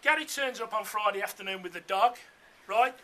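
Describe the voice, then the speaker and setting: A man's voice: high voice, a little fast, heavy background noise. A middle-aged man giving an informal, jokey father of the bride speech full of anecdotes. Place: room full of wedding guests.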